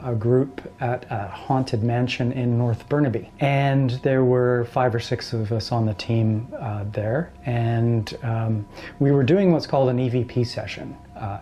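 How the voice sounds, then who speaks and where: A man, a paranormal researcher telling his experiences in a casual, animated way. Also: medium pitch. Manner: animated storyteller, acts out quoted voices. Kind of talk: casual storytelling interview.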